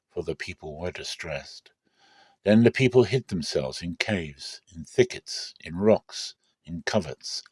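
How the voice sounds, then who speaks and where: A male Bible reader narrates scripture as a dramatic reading, measured and deliberate, in a low, darkish voice. The sound is dry and close, with no room sound.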